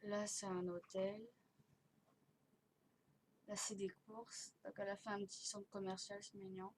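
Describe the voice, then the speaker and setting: A woman's voice: mid-range voice, little pitch movement, unhurried. A woman hosting a casual game tour, hesitant and rambling, speaking with a barely opened mouth and slurred S sounds because of dental elastics. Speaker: host of a gaming video channel. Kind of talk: casual chat commentary touring a game. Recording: noisy home recording with clicking.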